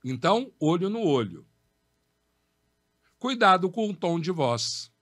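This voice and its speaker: Lively emphatic Brazilian podcast host. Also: male voice, high-pitched, slow pace, dry recording, studio quality. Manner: emphatic, repeats key words, asks and answers his own questions. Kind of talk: instructive talk on public speaking.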